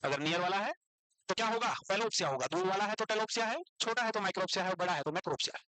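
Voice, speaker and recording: Indian guy teaching nursing, high bright voice, dry close sound, dictates stuff word by word and teases the class. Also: dry recording, low-quality recording. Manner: repeats and slowly dictates English definitions, quizzes students; teasing, scolds students playfully. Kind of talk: online class lecture, dictating notes.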